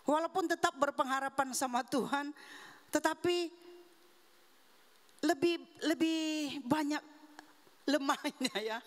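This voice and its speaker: A middle-aged woman delivers a sermon testimony in an earnest, confessional way, speaking straight to the congregation. Her voice sits fairly high. The sound carries a long reverb from a church hall. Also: slow pace, pauses often. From Manado, Indonesia. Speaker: guest preacher. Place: church sanctuary.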